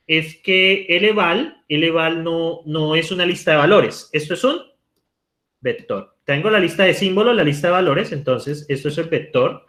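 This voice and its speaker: Higher-voiced man lecturing on code. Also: fairly bright tone. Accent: Colombian Spanish. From Colombia. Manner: talks while typing code, asks rhetorical "¿cierto?" often. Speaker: university programming lecturer. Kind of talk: live online coding lecture.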